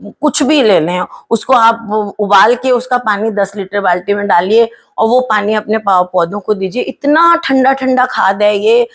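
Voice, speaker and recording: A woman's voice: mid-range voice, a little slow. A woman hosts a home gardening tutorial, talking in a chatty, explanatory way with frequent fillers and tag questions, and into her speech. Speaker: gardening channel host.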